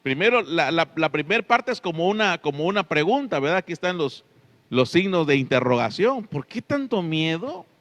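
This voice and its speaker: High-voiced man preaching emphatically. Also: very animated, a little fast, fairly bright tone, dull audio. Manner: emphatic, drawing out key words, frequent tag questions. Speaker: pastor. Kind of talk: Sunday sermon.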